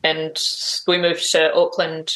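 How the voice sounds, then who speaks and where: A woman's voice: low voice, completely flat delivery, slow, fairly bright tone. Hesitant New woman guest. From New Zealand. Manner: hesitant, full of "like" and "um" fillers. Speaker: interview guest. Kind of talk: casual interview answers.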